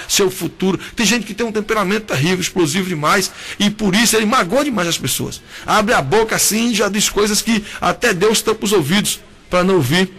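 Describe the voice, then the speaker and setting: High-pitched gravelly pleading preacher man. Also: a bit bright. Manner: emotional, pleading preaching with tender address. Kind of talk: sermon.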